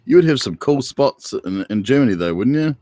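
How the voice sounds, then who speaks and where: A man's voice: mid-range voice, big pitch swings, a little fast, warm tone, no echo, clean studio sound. A man with a New Zealand accent hosting a casual livestream, teasing and chatting with viewers by name. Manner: laid-back, teasing, chats to viewers by name. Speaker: livestream host.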